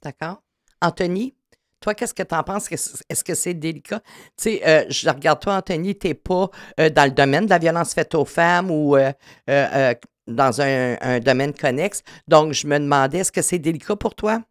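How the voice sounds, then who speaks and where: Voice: medium pitch, normal speed, no echo, clean studio sound. A moderator leading a panel discussion, inviting each guest to speak and asking questions. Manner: inviting, asks questions, passes turns.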